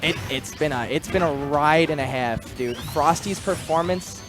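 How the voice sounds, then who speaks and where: A young man giving live game commentary, animated and giggly, easily startled. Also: fairly high pitch, normal speed. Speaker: esports commentator. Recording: game music behind.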